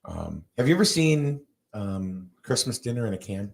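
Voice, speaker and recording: A man's voice: on the low side, normal speed, gravelly. Guy hosting a chatty show, voice bounces up and down a lot, laughs a bunch. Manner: animated, laughs often, lots of filler ums. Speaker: show host. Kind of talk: casual radio-style chat.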